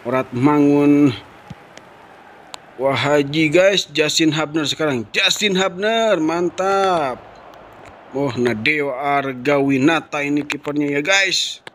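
A high-voiced man with an Indonesian accent calls a football video game like a big scoring moment. He stretches his words out at an unhurried pace and repeats excited exclamations. Noisy game ambience sits behind him. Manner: shouting, exclamatory, repetitive catchphrases. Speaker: football gaming channel host and commentator. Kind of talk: excited football commentary with drawn-out goal calls, like a touchdown call.

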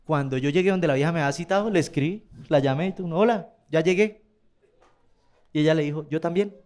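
A man's voice: a little high, racing, darkish tone. A man with a Colombian accent performing a stand-up comedy routine, telling crude stories with quoted voices. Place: comedy club stage.

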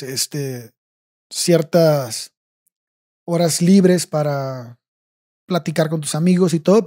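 A man's voice: fairly high pitch, darkish tone. A young Mexican man telling a personal story in casual, slang-heavy chat, swearing freely and tagging his phrases with "güey".

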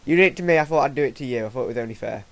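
A man's voice: mid-range voice, racing, creaky. A man livestreaming a game, chatting casually and trading crude, mock-threatening banter with a friend. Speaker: livestreaming gamer. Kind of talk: casual gaming chat.

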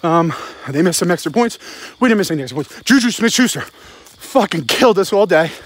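This forties football fan, who vlogs about sports, has a high, animated voice and talks a little fast. He's walking outdoors at night, phone close, rambling to camera in a casual postgame rant full of short, blunt, sweary outbursts.

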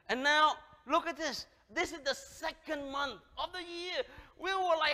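Preaching through a headset microphone in a big indoor sanctuary, a man in his thirties who grew up speaking Khmer delivers an animated sermon with a Cambodian accent. His very high-pitched voice shifts dramatically between loud calls and quiet words as he gestures, and the hall adds long reverb.

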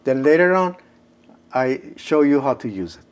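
A man in his sixties with a Persian accent, explaining a home cooking recipe step by step in an unhurried way from his kitchen. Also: mid-range voice, big pitch swings, smooth. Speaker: cooking show host.

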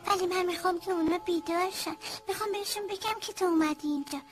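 A woman voicing an eager, earnest young boy in a dubbed cartoon, pleading and excited. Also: very high voice. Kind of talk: cartoon dubbing.

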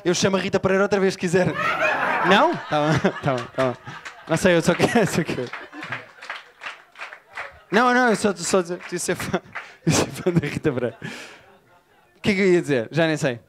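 High-voiced profane Lisbon comedian. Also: male voice, fairly quick, pauses often. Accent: Lisbon Portuguese. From Portugal. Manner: animated, profane, riffing with the crowd. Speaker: stand-up comedian. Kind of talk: stand-up comedy set. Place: comedy bar before a live audience. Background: audience laughter.

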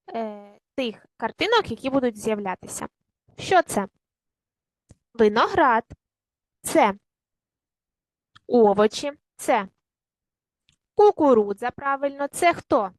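A woman teaching young children in a video lesson, speaking slowly and clearly, asking questions and praising the answers. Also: a little high, no echo, low-quality recording. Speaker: primary school teacher.

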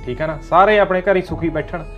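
A gruff but kindly old father-in-law, played by a man, talking quickly in a fairly high voice. He scolds and bickers with his wife. Faint music sits behind him. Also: muffled recording, natural voice. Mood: grumbling, sympathetic. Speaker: actor. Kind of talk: amateur short-film acting.

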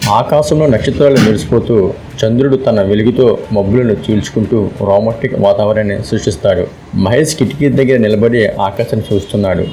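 A man narrating a romantic story in a calm, steady scripted read. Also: lowish voice, brisk, a little hiss or hum, low-quality recording.

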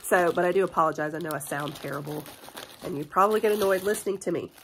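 A woman in her forties chatting excitedly through a haul review vlog, stuffy from a cold, laughing often. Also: fairly low pitch, quick pace, slight background noise. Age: 40s. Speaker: beauty and haul vlogger. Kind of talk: casual product review vlog.

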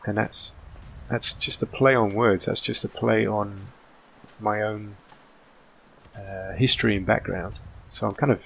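English guy in his 30s, brit accent gone a bit american, chatting away through a game, lots of ums, low-ish gravelly voice. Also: fairly bright tone, a little hiss or hum. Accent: British English mixed with American. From England. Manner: rambling and chatty, with many "um" fillers. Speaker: gaming channel host. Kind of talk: casual let's-play commentary.

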